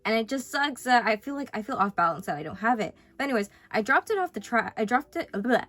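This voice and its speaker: A woman's voice: on the high side, big pitch swings, quick pace, a bit bright, dry recording. A young woman, sick, chatting casually and rambling through a sketchbook tour, cutting herself off often. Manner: chatty, rambling, self-interrupting. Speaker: vlogger.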